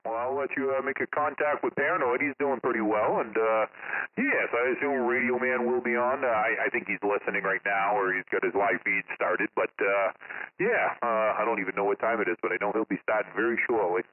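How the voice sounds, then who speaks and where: A man's voice: medium pitch, a little fast. Male CB operator, salty casual talker, narrow phone-like radio sound with light static. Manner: salty, swearing. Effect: CB radio transmission. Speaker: radio operator helping with net check-ins.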